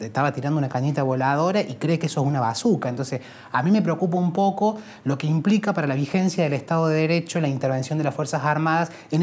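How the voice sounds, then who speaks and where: A lawyer and researcher in his thirties, speaking with an Argentine Spanish accent, answers interview questions earnestly and argumentatively in an indoor room. His voice is fairly high with a darkish tone, rising in emphasis on key points.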